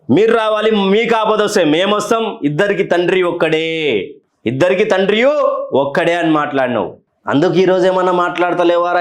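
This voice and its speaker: High-voiced man scolding in heated commentary. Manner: scolding, taunting, repeats his questions. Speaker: political commentator. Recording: roomy echo.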